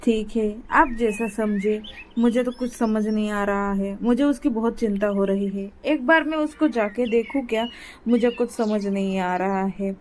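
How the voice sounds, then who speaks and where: A woman's voice: medium pitch, fairly even intonation, a little slow, darkish tone, slight background noise, lightly acted. A woman voicing an anxious, caring mother sparrow in a cartoon story.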